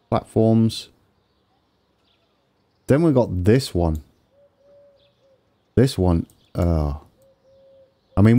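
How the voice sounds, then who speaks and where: In a fairly low, creaky yet mellow voice, a gaming video host offers casual commentary on a game build. His voice is wheezy and congested, and he thinks aloud tentatively as he goes.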